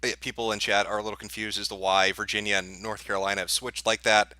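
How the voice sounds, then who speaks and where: A man's voice: fairly low pitch, flat delivery, fast, sharp tone, dry recording. A man hosting a livestream as an off-the-cuff election night analyst, thinking aloud as he reads out results in casual live commentary. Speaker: livestream host.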